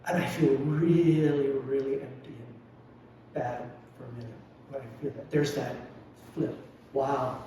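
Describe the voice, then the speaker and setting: A man's voice: mid-range voice, steady tone, a little slow, warm tone, slight background noise. A man giving a dharma talk as a lay Buddhist speaker, reflective and confessional with wry humor. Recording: very echoey hall, mic at a distance.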